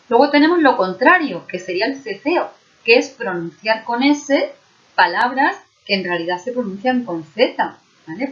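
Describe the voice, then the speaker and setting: Woman, Andalusian accent, mid-pitched teacher voice, patient and checking in often; slightly muffled recording. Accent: Andalusian Spanish. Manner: explains patiently, checks understanding with frequent "¿vale?". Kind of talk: video lesson.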